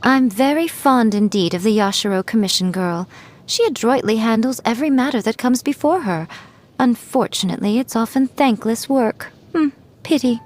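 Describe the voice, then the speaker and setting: A woman voicing a sly, elegant fox-spirit shrine maiden in a video game, speaking in deliberate phrases with a coy, haughty, playfully condescending manner. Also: a little high, animated, a little mellow, natural voice. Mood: fond, scheming. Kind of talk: scripted video game character voice-over. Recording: music behind the voice. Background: background music.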